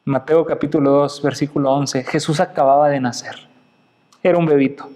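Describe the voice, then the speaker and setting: Man from Mexico preaching with animated swings. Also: moderate pace. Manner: animated preaching, acting out quotes with big pitch swings; addresses listeners directly with questions. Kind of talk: sermon.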